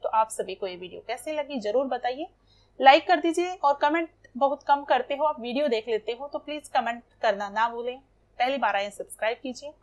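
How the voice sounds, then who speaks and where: A woman's voice: sits high, normal speed. A woman Hindi teacher giving a lesson to schoolchildren, explaining each exercise patiently and repeating examples.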